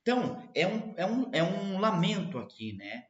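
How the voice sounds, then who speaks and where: A male literature teacher with a Brazilian Portuguese accent reads poems aloud in a measured rhythm, then breaks them down in a casual classroom tone full of little checks on the listener. His voice sits at a middling pitch. The recording is roomy and a bit dull. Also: sing-song. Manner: reads verses aloud rhythmically, then explains with many tag words like "né" and "tá". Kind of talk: poetry reading and analysis lesson.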